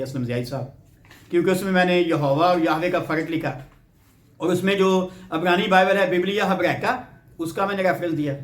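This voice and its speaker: A man from Pakistan giving a Bible teaching lecture, explaining step by step and checking in with rhetorical questions. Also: sits high. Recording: roomy echo.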